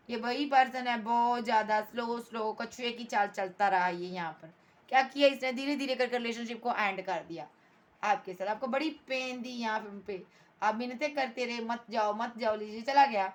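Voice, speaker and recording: A woman giving a tarot reading to her viewers, blunt and emphatic, scolding the absent partner and calling the listener "bhai" and "darling". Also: on the high side. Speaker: tarot reader.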